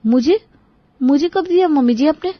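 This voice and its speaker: A woman's voice: high voice, animated, moderate pace, no room sound, muffled recording. A woman voicing a polite, eager young daughter-in-law in a cartoon story.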